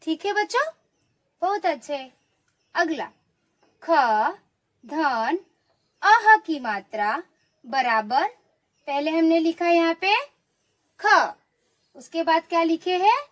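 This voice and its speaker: A woman's voice: very high voice, animated, slow pace, pauses often, a bit bright. A woman teaching young children, coaxing them to repeat sounds after her and praising each answer. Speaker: primary school teacher. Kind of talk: online lesson for young children.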